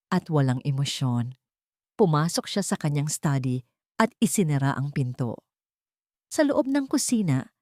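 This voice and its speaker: A woman with a lowish, darkish voice narrates a scripted drama, measured and dramatic, with deliberate pauses. The sound is close and dry, with no room echo.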